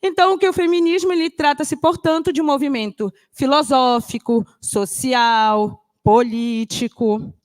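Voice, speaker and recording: A woman lectures in a voice a touch higher than most. She explains ideas patiently in a conversational classroom style and often asks her listeners whether they follow. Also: a little slow, dry recording, studio quality. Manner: conversational, checks understanding with frequent tag questions. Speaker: professor giving a lecture.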